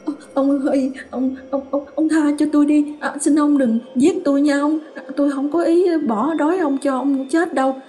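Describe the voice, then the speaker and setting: A woman's voice: medium pitch, animated, normal speed, mellow, lightly acted. A woman voicing a cruel, scheming old mother who wails and snarls in a storybook tale. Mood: terrified pleading. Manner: wailing, then snarling and spiteful.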